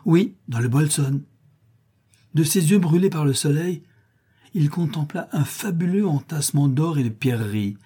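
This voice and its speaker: A man voicing an old Mexican nurse woman, speaking gently and persistently. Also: a little high, expressive, moderate pace, breathy edge, pitched above the performer's own voice. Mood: earnest.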